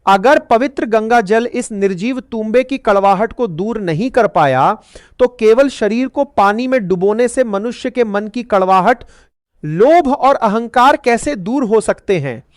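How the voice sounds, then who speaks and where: A woman voicing a gentle, patient old male saint and weaver in a narrated storybook tale, speaking softly. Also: a little high, animated, a little slow, no echo, clean studio sound. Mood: calm, kindly. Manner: soft-spoken, patient.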